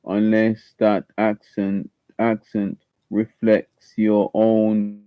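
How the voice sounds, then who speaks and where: Seated at home, a livestreamer getting ready for an acting audition talks casually and reads instructions aloud, frequently repeating himself and starting over. His lowish voice carries a slight Jamaican tinge and a clear, resonant tone, though the audio is dull and has no echo.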